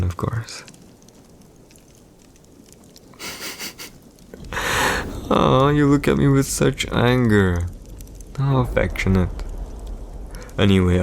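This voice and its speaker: In an ASMR roleplay, a man plays a haughty villain emperor who teases with formal, condescending, old-fashioned phrasing. His low-pitched voice is a little mellow and smug, with a faint hiss or hum behind it.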